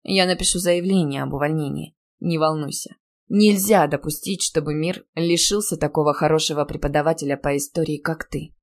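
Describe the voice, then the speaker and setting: A woman reading an audiobook, voicing a calm, teasing young male PE teacher who speaks softly and tenderly. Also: low-pitched, fairly quick.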